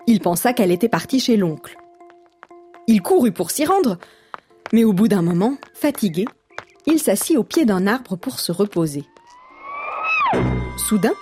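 Lively, expressive woman storyteller. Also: mid-range voice. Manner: lively, expressive reading with character voices. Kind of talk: scripted storybook narration.

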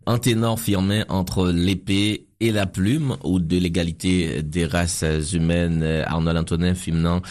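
A man's voice: low-pitched, steady tone, measured pace, few pauses, a little mellow. A man hosting a radio show, presenting and signing off with thank-yous and plugs.

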